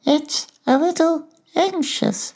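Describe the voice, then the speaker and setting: A man voicing a small, timid, anxious piglet in a children's storybook, fretful and forlorn, with a halting delivery. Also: very high-pitched, expressive, creaky, a little mellow, pitched above the performer's own voice, heavily acted. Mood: anxious, helpless. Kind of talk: dramatized children's audiobook character voice.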